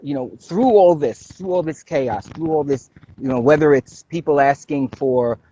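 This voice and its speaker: Halting Brooklyn man on a lo-fi stream. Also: a little high, mellow, slight background noise. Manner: halting, many fillers and restarts, laughs easily. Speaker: guest. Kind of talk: casual livestream chat.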